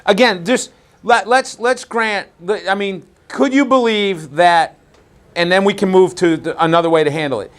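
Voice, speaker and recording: A man's voice: high voice, moderate pace. A man teaching an umpire clinic in a meeting room, questioning the group and acting out how to talk to players. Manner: Socratic, keeps asking the group questions; animated, acts out exchanges with players. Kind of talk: interactive teaching session.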